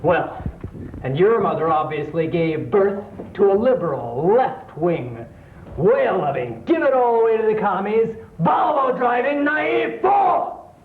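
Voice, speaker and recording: A man's voice: high voice, very animated, unhurried, a little hiss or hum. Ranting man on a tinny echoey recording. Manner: ranting, escalating to shouts. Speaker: comedy sketch performer. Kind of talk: comic debate sketch.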